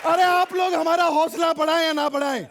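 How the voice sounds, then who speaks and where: A man's voice: extremely high pitch, fairly even intonation, a little fast, noisy background. A male comedian doing a mock-ranting stage act on a TV studio stage, teasing the judges. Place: TV studio stage with live audience.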